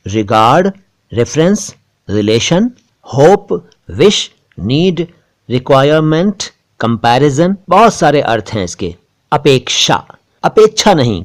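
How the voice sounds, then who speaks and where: Man teaching word pronunciation. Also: medium pitch. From India. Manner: recites couplets slowly and repeats words for pronunciation. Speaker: language teacher and channel host. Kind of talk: vocabulary lesson with pronunciation drills.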